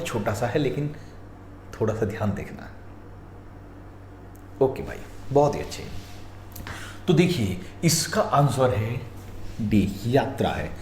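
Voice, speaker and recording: A man teaching reasoning practice questions, walking through each answer step by step and telling viewers to pause and look carefully. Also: mid-range voice, a little mellow. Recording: echoey room, faint noise.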